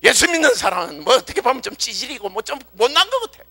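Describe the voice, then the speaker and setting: A man preaching a church sermon, telling a story in a casual, colloquial way with animated delivery. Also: very high voice, fast talker, creaky. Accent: Korean. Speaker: youth pastor. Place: church service.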